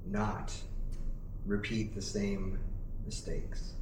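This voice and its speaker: Man, slightly low voice, slow halting questioner, unscripted, roomy distant recording, faint noise. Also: monotone. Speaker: questioner of the channeler. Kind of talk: unscripted, earnest questioning in a session.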